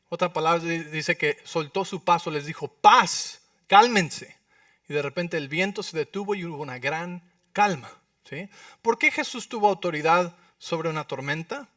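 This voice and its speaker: A male pastor preaching in a high, bright voice that jumps from quiet asides to loud bursts as he acts out prayers and dialogue. He keeps checking in with the congregation through quick rhetorical questions. The sound is dry, with the voice a little distant from the mic. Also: no echo. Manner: animated preaching, acting out prayers and dialogue with sudden loud outbursts; asks the congregation for agreement with frequent rhetorical questions. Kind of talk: sermon. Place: church.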